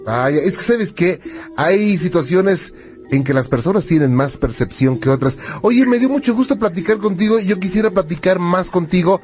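Male call-in host, expressive delivery, radio sound with soft music under it. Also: high voice, moderate pace. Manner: attentive, frequent short acknowledgments.

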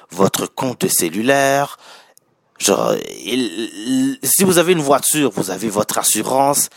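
A man's voice: lowish voice, no room sound, studio quality. A man with a Québécois accent giving casual spoken business advice to viewers, chatty and correcting his own wording as he goes. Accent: Québécois French. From Quebec.

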